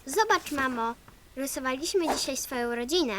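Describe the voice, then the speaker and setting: High-voiced little schoolgirl. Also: normal speed, a bit bright. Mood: innocent. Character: earnest innocent little schoolgirl in a cartoon.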